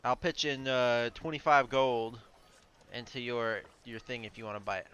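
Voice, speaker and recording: A man's voice: mid-range voice, steady tone, normal speed, fairly bright tone, smooth, muffled recording. A man playing in a tabletop game, bargaining bluntly and laughing. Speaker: player. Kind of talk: casual game chat.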